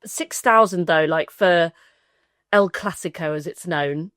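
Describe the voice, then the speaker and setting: This English podcast co-host has a fairly low, fairly bright voice and a measured pace, chatting and giggling through a casual football show and often leaving sentences unfinished. The sound is dry and slightly rough, with no echo.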